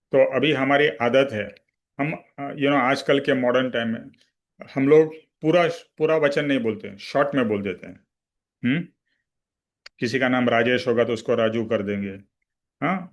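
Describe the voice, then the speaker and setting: A man teaching a spiritual study class, explaining patiently, slipping in English words and checking in with his listeners. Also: mid-range voice. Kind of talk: religious study-class talk.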